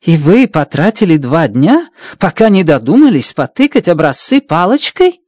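A male narrator voicing a brisk, sardonic woman official in an audiobook, with dry teasing and impatient questions. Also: deep voice, very animated, a little mellow, no echo, pitched above the performer's own voice. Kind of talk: audiobook character voice.

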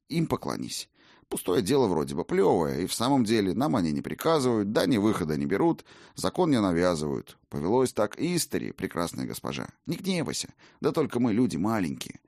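A man puts on a stout, eager-to-please innkeeper who gushes and bows, his voice pitched up and rushing along. The sound is close and dry, with a little gravel left in it. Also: huge pitch swings, darkish tone, no echo, full character voice. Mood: pleading. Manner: fawning, hurried, effusive. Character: portly fawning male innkeeper, bowing and eager.

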